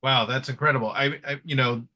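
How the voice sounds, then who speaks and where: Bright-voiced friendly webinar host, man. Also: medium pitch, fairly even intonation, brisk. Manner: friendly, filler-heavy with restarts. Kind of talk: casual live webinar chat.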